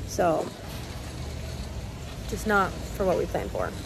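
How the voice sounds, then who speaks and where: In a large indoor warehouse store, a woman in her twenties vlogs casually with a phone camera held at arm's length. Her voice is fairly low with vocal fry, and she talks slowly but very animatedly, upbeat and full of "like" and "literally," over a noisy background.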